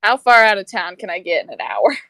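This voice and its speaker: A woman's voice: mid-range voice, expressive, brisk, sharp tone, dry recording. A woman playing a tabletop game, reading spell rules and talking hesitantly with fillers. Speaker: player.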